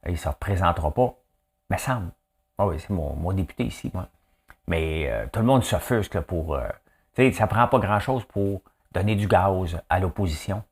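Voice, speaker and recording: A man's voice: low voice, lively intonation, normal speed, slightly rough. A man with a Québécois accent hosting a casual daily news commentary, chatty and joking, with frequent fillers and asides. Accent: Québécois French. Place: rural home in the countryside.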